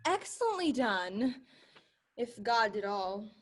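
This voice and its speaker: A woman's voice: on the high side, very animated, slow, exaggerated voice. A woman acting a young woman disguised as a page, speaking Shakespearean verse with earnest passion. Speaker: actor.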